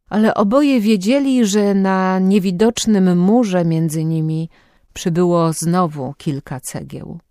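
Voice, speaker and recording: Calm, low-voiced woman narrating an audiobook. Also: no echo, studio quality.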